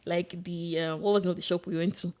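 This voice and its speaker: Fast-talking Nigerian woman telling stories. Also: fairly low pitch. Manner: rambling, animated storytelling with many "like"s. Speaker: podcast co-host. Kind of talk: casual chat.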